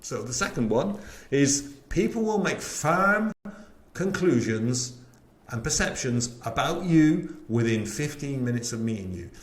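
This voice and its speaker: A man's voice: medium pitch, sing-song, a little slow, reverberant. A middle-aged man with a West Country accent presenting a live sales-training webinar, chatty and enthusiastic, often asking the audience questions. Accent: West Country English.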